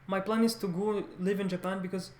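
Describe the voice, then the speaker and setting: Speaking with a high, slightly mellow voice that barely moves in pitch, a vlogger addresses his audience casually and without a script. He's a French native learning a language, so he halts, rambles and often corrects himself, all within a clear room echo.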